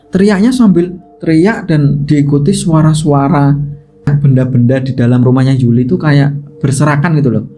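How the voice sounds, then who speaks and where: A man with a fairly high, mellow voice tells a horror story in a loose, chatty way. Soft music plays faintly underneath. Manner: chatty, conversational with fillers. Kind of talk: casual spoken horror storytelling.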